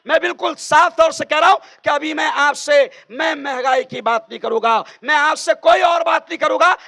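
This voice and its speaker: High, gravelly man shouting a rally speech. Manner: shouting call-and-response with the crowd. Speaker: political rally speaker. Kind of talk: fiery campaign speech.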